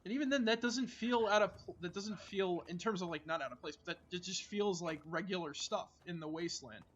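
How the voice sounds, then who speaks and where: High-voiced rambling young man streamer. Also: brisk, muffled recording, slight background noise. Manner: rambling, full of filler likes and restarts. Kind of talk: casual gaming chat.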